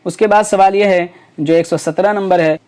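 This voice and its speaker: A man coaching students for a teaching exam. His voice is fairly high for a man and mellow in tone. He talks casually, with lots of fillers and rhetorical questions as he rules out each answer option. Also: fairly even intonation, smooth. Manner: conversational, many fillers and self-corrections, rhetorical questions.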